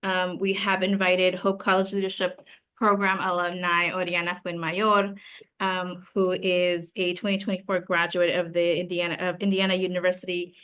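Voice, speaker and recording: A woman hosting a webinar, introducing the moderator in a steady, informal way with pauses. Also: lowish voice, clean tone. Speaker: host introducing the program.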